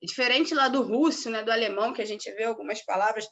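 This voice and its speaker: A woman's voice: on the high side, fast talker, a bit bright. A young woman teaching a recorded grammar lesson, stressing key words and often checking in with her students.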